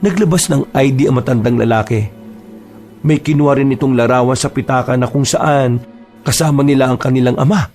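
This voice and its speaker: A man giving the steady scripted narration of a horror story. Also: medium pitch, a little fast, soft background music.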